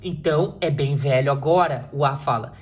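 A Brazilian Portuguese-accented teacher walks through an English dialogue in a slightly husky voice. The explanation runs at a brisk, chatty clip, then drops to slow, deliberate English sentences for the learner to copy. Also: medium pitch. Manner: explains step by step, repeating English phrases slowly and clearly. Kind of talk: video reading lesson explaining English in Portuguese.

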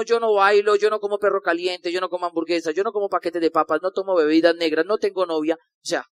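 Man, Colombian accent, high voice, motivational speaker, storytelling talk, acts out dialogue. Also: fairly bright tone.

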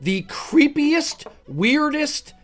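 A man hosting a podcast, ranting loudly and emphatically so that his voice clips and distorts the mic. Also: very high voice, big pitch swings, extremely slow. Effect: loud speech clipping and distorting the mic. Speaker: podcast host. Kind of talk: casual podcast chat. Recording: loud speech clipping the mic, faint music.

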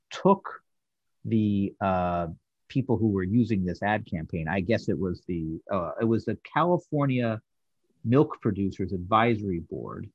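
A man co-hosting a podcast in casual chat, reporting his research in a halting way and correcting himself as he goes. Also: on the low side, darkish tone, husky, dry recording. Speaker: podcast co-host. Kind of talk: casual chat about a TV episode. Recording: dull lo-fi dry sound.

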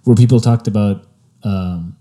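Brief: laid-back photographer guest, young man with a French accent, low mellow voice. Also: measured pace. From Spain. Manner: relaxed, laid-back and reflective, with frequent fillers. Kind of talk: casual interview.

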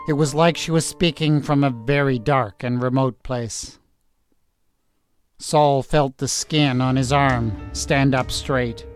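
A man narrating a story in a calm, deliberate way, with the odd small stumble. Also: mid-range voice.

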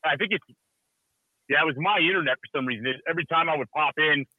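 A man's voice: fairly high pitch, quick pace, no room sound. Man calling in over a tinny phone line. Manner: laid-back, rambling, says "dude" often. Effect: heard over a cell phone line. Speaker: caller. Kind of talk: casual chat.

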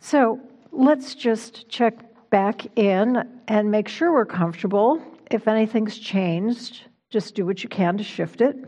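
A woman minister delivering a conversational sermon in a reflective, informal way, gently guiding her listeners. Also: medium pitch, slow. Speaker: minister giving a talk. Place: church sanctuary.

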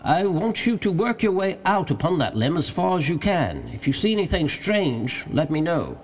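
A man voicing a domineering, excitable gentleman in an audiobook story, giving orders with urgent exclamations. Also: on the high side, moderate pace, a little hiss or hum, voice pushed up. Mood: anxious, excited. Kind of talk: dramatized audiobook character.

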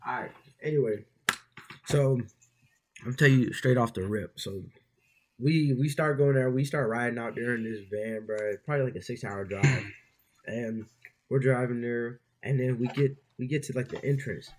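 A man's voice: medium pitch, normal speed, a little mellow, a little hiss or hum. A young man, a podcast co-host, casually telling a story with loose slang. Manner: loose, slangy, lots of "bro".

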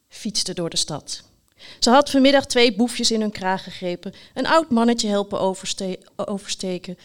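Woman reading a playful storybook. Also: medium pitch. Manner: lively, playful reading with dramatic pauses. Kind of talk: expressive storybook narration.

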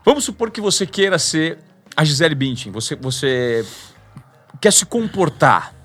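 A man's voice: on the high side, very animated, normal speed, fairly bright tone, faint music behind. A man hosting a podcast interview, chiming in eagerly with agreement and explaining points with examples. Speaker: podcast host. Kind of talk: interview chat.

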